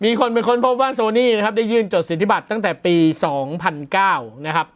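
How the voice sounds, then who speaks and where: A male host of tech news chats his way through the story, clearly amused, chuckling a lot and now and then mock-shouting. His voice is high, and he slows down over technical terms. It feels casual and reactive rather than scripted, with slight background noise.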